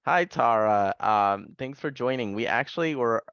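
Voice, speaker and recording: A man's voice: mid-range voice, expressive, normal speed, fairly bright tone, smooth, dry recording, highs cut off. A man moderating a panel over a video call, friendly and hesitant, with lots of fillers.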